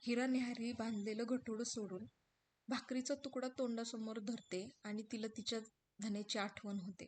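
A woman reading a story aloud in a soft, measured narrating voice. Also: fairly high pitch, fairly even intonation, a little hiss or hum.

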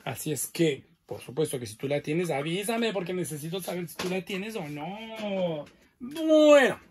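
A man's voice: on the high side, expressive, moderate pace, slight background noise. A man chatting to viewers as he shows off his doll collection, full of exclamations. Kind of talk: casual unboxing and show-and-tell.

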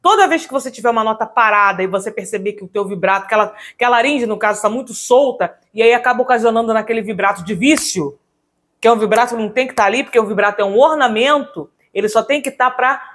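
Woman, high voice, vocal coach, upbeat didactic online lesson. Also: fast, a bit bright.

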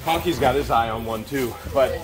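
A man in his thirties hosting a vlog, talking excitedly and joking while he opens boxes in a metal storage unit, handheld camera nearby. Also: mid-range voice, moderate pace. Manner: eager, joking, talks while working with his hands. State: sweating. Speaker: vlog host. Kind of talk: excited casual chat while unboxing.

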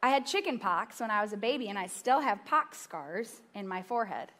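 A woman's voice: mid-range voice, very animated, brisk, a bit bright. A woman in her thirties preaching on a church stage, telling personal stories in a conversational way with asides to the audience. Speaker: pastor. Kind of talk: sermon.

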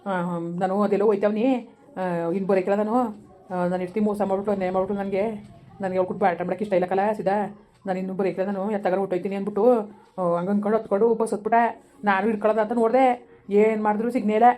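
Brief: woman as a brash, rapid-talking village woman with a rural Kannada dialect, blunt and scolding. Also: mid-range voice, level tone, dark tone, natural voice. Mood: reporting. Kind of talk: village comedy skit.

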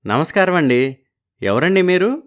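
A man voicing a shrewd village marriage broker who talks in a brisk, businesslike way. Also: a little high, sing-song.

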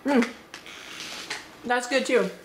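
A woman chatting upbeat and thinking aloud as she unboxes and tastes snacks, her voice slightly hoarse. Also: fairly high pitch, extremely slow. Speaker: unboxing vlogger. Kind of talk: casual product tasting review. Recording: roomy echo, faint background noise.

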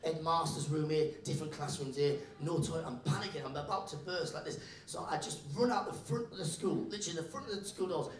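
Animated male stand-up comic in a roomy venue. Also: quick pace, hardly any pauses. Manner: animated storytelling, acting out characters. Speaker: stand-up comedian. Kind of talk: live stand-up comedy. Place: live comedy venue with audience. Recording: roomy venue, mic picked up from a distance, faint rumble.

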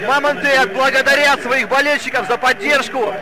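A man giving excited, exclamatory live hockey commentary, often breaking into shouts. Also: very high-pitched, brisk, crowd noise, rough recording. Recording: clear rink noise behind commentary. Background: ice arena ambience.

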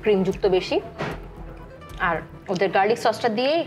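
A woman's voice: medium pitch, lively intonation, a little fast, soft background music. A woman with a Bangladeshi Bengali accent, giving a chatty food review in a restaurant. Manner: chatty, mixes English words into her talk. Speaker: food vlogger. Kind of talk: casual food review to camera.

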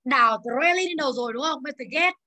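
A woman English teacher in a classroom, drilling her students with quick questions and telling them to speak up. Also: sits high, animated, bright, forceful tone.

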